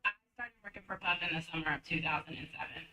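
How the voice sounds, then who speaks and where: A woman's voice: sits low, fast talker, bright, forceful tone, faint music behind. Woman recounting past work, roomy distant sound. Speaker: former personal chef giving testimony. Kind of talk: documentary interview testimony.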